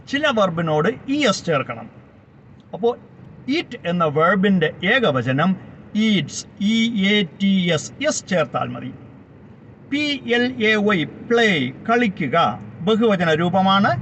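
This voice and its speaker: A man's voice: high voice, fairly bright tone. A man teaching English grammar, spelling out words letter by letter. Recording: dull lo-fi sound with faint background noise.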